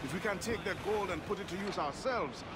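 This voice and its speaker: A hearty, loyal ship's quartermaster from a video game, acted by a man. His high voice rolls along with jaunty seafaring talk, eager for mischief. Heavy noise of sea and ship surrounds him. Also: fairly quick, lightly acted. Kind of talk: video game dialogue acting.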